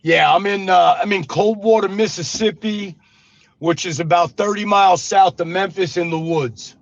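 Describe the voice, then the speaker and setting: Speaking at a normal speed in a high, steady, creaky voice, a former gangster from Brooklyn, New York, in his 50s recounts his life as an interview guest. He talks like the street, saying "brother" and "you know what I mean." The lo-fi sound is dull and dry, with no room sound.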